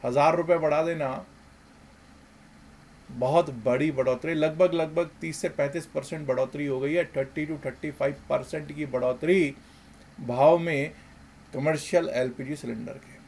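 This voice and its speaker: A man giving emphatic commentary as a market analysis host, with rhetorical questions and swings between loud and soft. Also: on the high side, fairly even intonation, normal speed, creaky, slight background noise.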